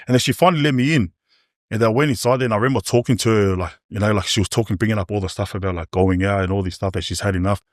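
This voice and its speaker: A man tells his own story candidly and very quickly. His speech is loose and slangy, dotted with bro and man. The sound is close and dry, like a relaxed podcast chat. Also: lowish voice, no echo. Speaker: podcast guest. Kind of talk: candid personal testimony in casual chat.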